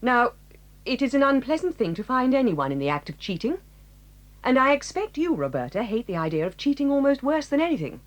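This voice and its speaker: In a 1980s audio drama, an actress plays a stern, dignified headmistress who reproves her pupils in a measured way. Her voice is female, high, and sing-song.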